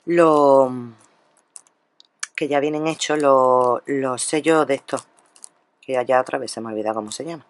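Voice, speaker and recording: A woman's voice: low voice, slight background noise. A woman from Spain chatting through her craft shopping haul at a table, talking straight to her viewers and often restarting her sentences. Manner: chatty, addresses viewers directly, lots of restarts. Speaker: craft vlogger. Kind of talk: casual haul narration.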